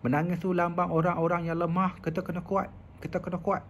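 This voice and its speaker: A man putting on a stern mother's voice, raised and insistent, firing short commands at her child. The voice sits higher than his own, with a faint hum of the room behind it. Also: little pitch movement, fast talker, natural voice. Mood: scolding. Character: strict controlling mother scolding her child.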